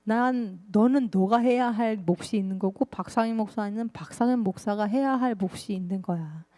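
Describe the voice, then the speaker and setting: A woman preacher voicing God, who speaks slowly and tenderly to reassure her. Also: mid-range voice, dark tone, no echo, natural voice. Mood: gentle. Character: God, a gentle fatherly voice.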